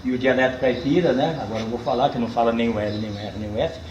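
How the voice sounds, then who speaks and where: An older man with a caipira accent from the São Paulo countryside, a cordel poet chatting casually with a tour group in a folksy, animated way, drawing words out for emphasis. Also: mid-range voice, quick pace, roomy sound, lo-fi sound, slight background noise. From Brazil.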